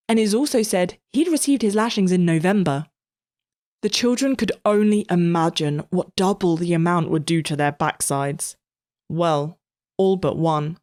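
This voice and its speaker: A woman narrating a comic story in a lively storytelling manner. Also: fairly low pitch.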